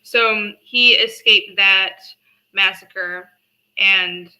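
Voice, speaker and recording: A woman's voice: medium pitch, steady tone, drawn-out words, bright, forceful tone. Woman with a tinny, metallic mic. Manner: giggly, chatty, trails off into laughs. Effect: tinny, metallic-sounding mic. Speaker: comic creator pitching her comic. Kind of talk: casual livestream chat.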